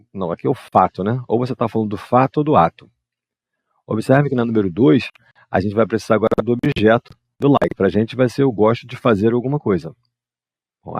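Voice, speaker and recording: A man, teaching English grammar and patiently explaining exercises, reading the English examples slowly. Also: fairly low pitch, darkish tone, dry recording. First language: Portuguese.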